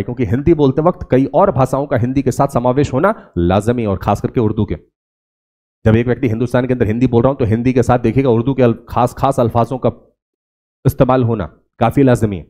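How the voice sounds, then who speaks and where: A man from India teaching a spoken English demo lecture in a classroom, asking the class questions and repeating words slowly to show pronunciation. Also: medium pitch, warm tone.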